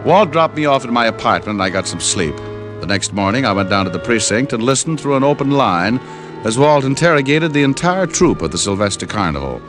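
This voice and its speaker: In this vintage radio recording with music, an American man with a medium-pitched, very animated voice narrates a little fast and lightly acted. He is the lead actor and narrator of a detective series, playing a wry, streetwise private eye in old-time radio style, using clipped slang in a matter-of-fact way.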